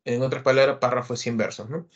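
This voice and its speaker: A man's voice: medium pitch, fairly even intonation, fast, husky, highs cut off. A man teaching a literature class online, explaining verse and rhyme in a patient lecturing style, with many fillers and tag questions. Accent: Peruvian Spanish.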